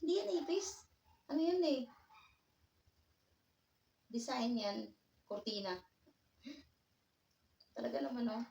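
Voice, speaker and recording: A woman's voice: on the high side, lively intonation, slow, creaky, pauses often, a little mellow, reverberant, far from the mic, a little hiss or hum. Playful woman chatting to her cat. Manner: playful, talks baby-talk to her cat, laughs often. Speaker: vlogger. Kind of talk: casual vlog chat with her cat. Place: indoors at home, in a bedroom.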